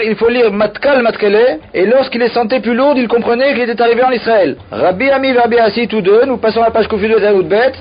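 A man's voice: extremely high pitch, highs cut off. A man teaching a religious text, reading each phrase aloud and then explaining it in French. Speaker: Talmud teacher.

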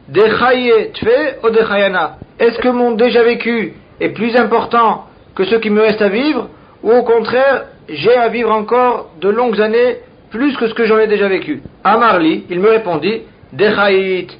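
Man, high voice, Talmud lesson, reads then translates, muffled lo-fi sound. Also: moderate pace. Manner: reads Aramaic phrases then translates them. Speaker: Talmud teacher. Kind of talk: reading and translating Talmud aloud. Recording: dull lo-fi recording.

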